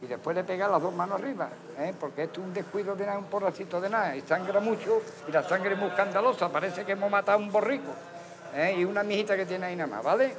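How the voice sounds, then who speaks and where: A man's voice: high voice, fast talker, big-room sound, noisy background. A man, a boxing trainer, speaking in an interview with an earnest, repetitive, folksy manner. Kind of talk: documentary interview.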